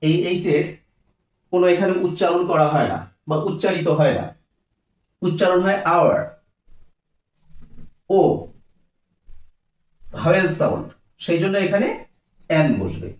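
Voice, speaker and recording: A man's voice: high-pitched, animated, a little slow, pauses often, echoey room, recorded from a distance. A man teaching a grammar lesson, asking questions and answering them himself.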